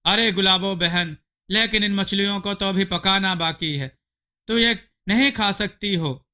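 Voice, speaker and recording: A man's voice: high voice, unhurried, bright, forceful tone, exaggerated voice. A man voicing a worried village neighbor woman in a storybook tale, concerned and pleading.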